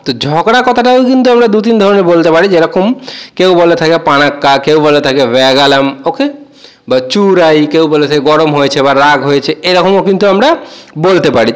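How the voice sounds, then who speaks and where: A man giving a casual spoken language lesson, repeating each word slowly and addressing viewers as friends. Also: high-pitched. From Bengal. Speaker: language teacher.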